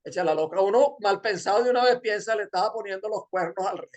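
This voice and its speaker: A man's voice: high-pitched, fast. A man with a Venezuelan accent giving an informal seminar lecture, retelling a story in a digressive, hesitant way with joking asides.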